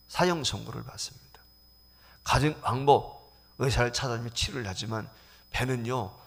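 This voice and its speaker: A middle-aged man, a senior pastor, preaching a sermon to his congregation, swinging between loud exclamations and hushed whispers. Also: mid-range voice, creaky, husky. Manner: addresses the congregation directly as "여러분".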